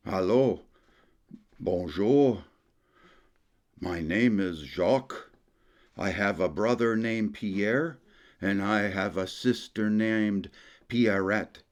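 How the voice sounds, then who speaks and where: Brief: man putting on an Acadian French storyteller, deep-voiced, folksy and rambling. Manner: folksy, rambling, tacks "there" onto phrases.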